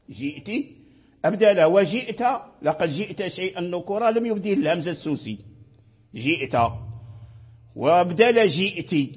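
A man's voice: on the high side, breathy edge, lo-fi sound. A man teaching Quranic readings in a classroom lecture, repeating phrases and checking that his students understand.

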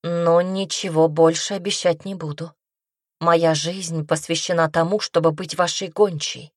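A woman's voice: fairly low pitch, fairly even intonation, measured pace, darkish tone, no echo, clean studio sound. A woman voicing a young heroine who answers a king in a guarded, polite way. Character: flustered young woman, the king's hound.

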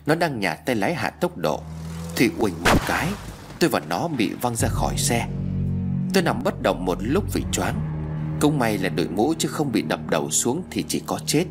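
A man's voice: fairly low pitch, sing-song, moderate pace. A man narrating a first-person story as an audiobook reader. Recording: faint background music.

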